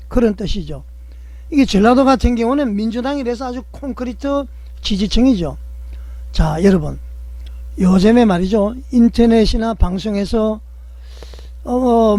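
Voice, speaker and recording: A man's voice: very high-pitched, darkish tone, dry recording. A man hosting political commentary in a rhetorical style, putting questions to the audience and leaning on a stretched filler between phrases.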